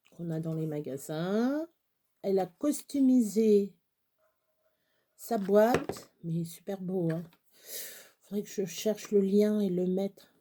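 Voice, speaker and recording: A woman chatting casually through a crafting tutorial, rambling and halting with many fillers, sometimes dropping to a whisper. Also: lowish voice, dark tone, slight background noise. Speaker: craft vlogger.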